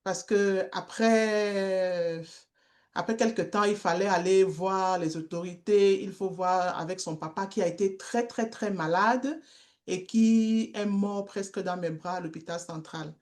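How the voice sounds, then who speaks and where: A middle-aged woman giving a testimony, telling a story in a slow, halting way with repeated words. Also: medium pitch, darkish tone. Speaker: guest speaker, street-children worker.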